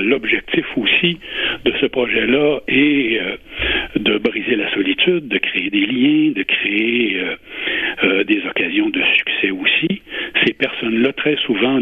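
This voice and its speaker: A man in his sixties with a Quebec French accent, giving earnest, deliberate interview answers and pausing to search for his words. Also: on the low side, breathy edge. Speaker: interview guest, retired public servant and volunteer. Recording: muffled phone-like radio line with echo.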